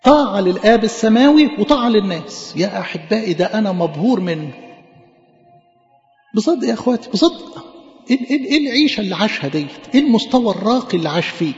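Egyptian preacher guy, high voice, keeps firing questions, roomy dull recording w faint music. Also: expressive, rapid-fire, hardly any pauses. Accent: Egyptian Arabic. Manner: emphatic, rhetorical questions, repeats words. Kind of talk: sermon.

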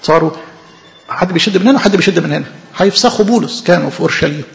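Brief: high, rapid Egyptian male preacher with a gravelly edge, fervent, in an echoey hall on a dull recording. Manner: fervent, asks and answers his own questions. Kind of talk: sermon.

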